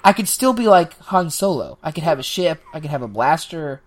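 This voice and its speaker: Lively, rambling young man joking around. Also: on the high side, fairly quick. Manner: rambling, jokey, animated. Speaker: podcast co-host. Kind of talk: casual banter.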